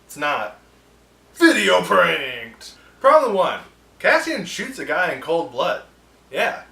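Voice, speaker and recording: A man's voice: a little high, huge pitch swings, measured pace, pushed and bright. A man hosting a film review show, ranting with sarcasm and animation in a casual, opinionated way. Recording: roomy echo, distant mic, faint ambience.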